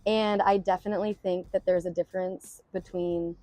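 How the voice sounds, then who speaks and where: A woman's voice: fairly low pitch, little pitch movement, normal speed, mellow, no room sound. A young woman from Massachusetts answering interview questions, earnest and emphatic. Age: young adult.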